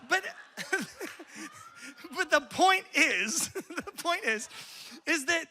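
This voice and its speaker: A male pastor in his thirties delivers a sermon in a strikingly high, bright voice with a sharp, forward edge. He talks in a loose, conversational storytelling way and often breaks into laughter. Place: church campus.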